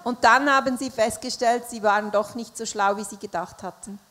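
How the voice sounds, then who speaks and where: A woman's voice: a little high, fairly even intonation, brisk, a bit bright. A woman interpreting a sermon live, following the preacher phrase by phrase with small hesitations. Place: church service. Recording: long hall reverb.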